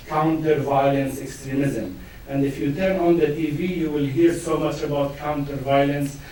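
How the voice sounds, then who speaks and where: A man's voice: a little high, a little mellow, slight background noise. Hesitant Palestinian-accented man lecturing in an echoey hall. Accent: Palestinian Arabic. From Israel. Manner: hesitant, many fillers and restarts. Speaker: guest lecturer. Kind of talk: academic lecture. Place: large lecture room. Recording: echoey hall, mic far off.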